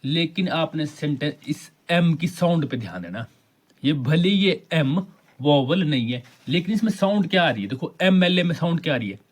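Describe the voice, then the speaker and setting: Teacher asking himself questions, slightly high-voiced. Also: male voice, expressive. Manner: slows right down to read English sentences aloud; keeps asking questions and answering them himself. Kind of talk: explaining an exam paper.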